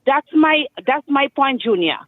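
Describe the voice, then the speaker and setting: A woman's voice: high-pitched, animated, a little slow, no room sound. Grenadian woman on a clipped phone line. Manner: earnest, emphatic and repetitive. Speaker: caller. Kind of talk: call-in radio chat. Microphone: telephone. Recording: tinny dry phone line.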